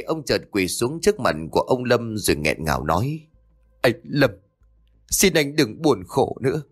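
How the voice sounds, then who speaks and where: A man narrating a ghost story in a dramatic, expressive way. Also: medium pitch.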